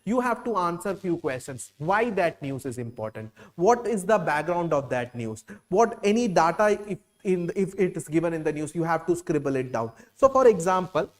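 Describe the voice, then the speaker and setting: A man's voice: a little high, sing-song, moderate pace, hardly any pauses. A man from Kerala with a Keralite Indian English accent giving a classroom lecture as an exam coaching teacher, repeating phrases with many "uh" and "like" fillers.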